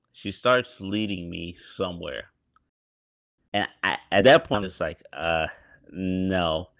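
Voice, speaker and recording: A man's voice: low-pitched, a bit bright, no room sound. A young man telling a story in a laid-back, colloquial way on a podcast. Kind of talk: casual storytelling.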